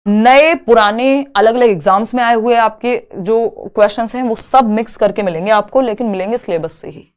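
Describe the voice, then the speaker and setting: A young woman teaching an exam-prep lecture. She reads each English question slowly, then explains it step by step, asking and answering her own questions. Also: medium pitch, clean tone.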